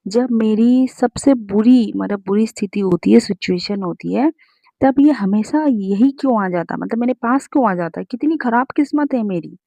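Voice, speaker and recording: A woman's voice: on the high side, moderate pace, creaky, warm tone, no echo. A woman voicing a proud, fiery young waitress, read out plainly in her own voice. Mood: worried. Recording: dull lo-fi recording.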